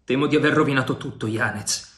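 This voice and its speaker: A man voicing a fierce, passionate male pirate chief with a lower, heavier delivery, in a storybook reading. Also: brisk, a bit bright, lightly acted. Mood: intense.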